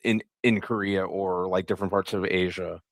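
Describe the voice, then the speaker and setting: Easygoing man with a lowish dry voice. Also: flat delivery, normal speed, dry recording. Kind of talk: casual chat.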